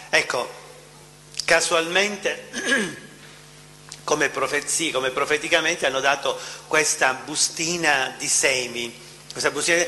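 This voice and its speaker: A man gives a sermon in a big reverberant hall, his voice bright and ringing and a little high for a man. He presses his points with questions and repeats key phrases. A faint hum sits underneath. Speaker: preacher.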